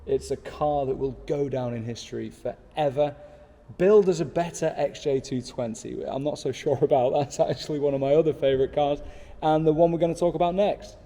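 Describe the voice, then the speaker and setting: A man's voice: on the high side, fairly even intonation, brisk, dark tone, big-room sound. A man in his thirties, talking casually to camera from his desk, enthusiastic and rambling with asides. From United Kingdom. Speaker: car channel host. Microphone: small pocket camera.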